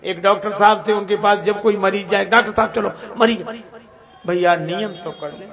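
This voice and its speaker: A man's voice: steady tone, normal speed, gravelly. A man preaching a storytelling sermon, acting out the voices of the people in his stories, recorded live before an audience that laughs. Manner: acts out quoted characters with shifting voice and pitch. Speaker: Ram Katha preacher.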